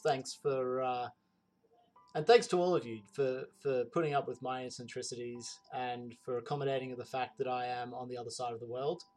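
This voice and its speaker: A man's voice: medium pitch, a little mellow. A man who plays in a role-play podcast, giving casual, grateful thank-yous with "um" fillers. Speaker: podcast player.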